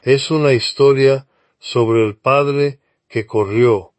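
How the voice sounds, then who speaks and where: Slow, earnest male preacher, dry sound. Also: medium pitch, steady tone, no room sound. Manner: earnest, speaks straight to the listener. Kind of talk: scripted devotional sermon.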